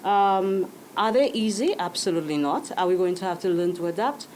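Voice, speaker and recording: A woman speaking in a news interview as head of a medical association, calm and measured, with fillers now and then. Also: lowish voice, slight background noise, rough recording.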